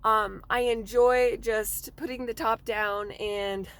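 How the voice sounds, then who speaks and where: A woman vlogger, hoarse and raspy from seasonal laryngitis, chatting casually outdoors beside her car with a self-joking manner and many fillers. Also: on the high side, fairly even intonation, slow, fairly bright tone. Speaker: real estate vlogger. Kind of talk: casual vlog talk.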